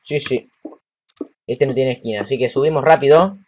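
Excitable Rioplatense man narrating his gameplay. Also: medium pitch, moderate pace, slight background noise, rough recording. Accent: Rioplatense Spanish. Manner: excitable, talks to himself and the game, swears in frustration. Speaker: gameplay commentator. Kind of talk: casual let's-play commentary.

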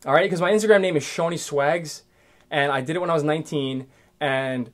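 Young guy in his twenties, solo podcast rant, swears constantly, trips over restarts, voice sits a bit high. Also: brisk. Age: 20s. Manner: profane, rambling, restarts a lot. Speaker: podcast host.

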